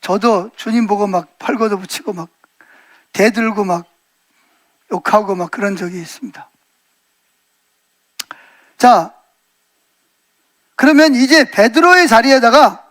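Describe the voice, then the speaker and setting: With an extremely high-pitched voice, a middle-aged pastor preaches, recounting a story through animated quoted lines. He frequently questions his congregation along the way.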